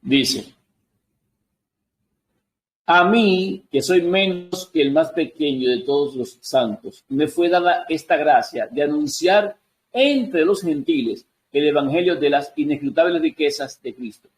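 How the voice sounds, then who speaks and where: A man's voice: fairly high pitch, animated, measured pace, rough recording. A man giving a Bible study lesson, reading verses aloud and answering his own questions. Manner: adjusts on-screen text while talking. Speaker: Bible teacher.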